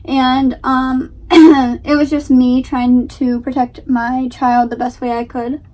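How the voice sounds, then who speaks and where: A young woman with a high voice hosts a casual reaction video. She talks off the cuff, explaining her side haltingly and repeating words for emphasis. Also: flat delivery, darkish tone, far from the mic, poor audio. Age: young adult.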